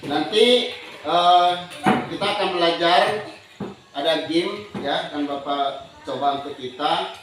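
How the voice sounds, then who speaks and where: A male teacher leading his class through a concentration game, calling out commands loudly. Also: fairly high pitch, unhurried, long pauses. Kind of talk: classroom instruction. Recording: echoey classroom recorded from far off, noisy.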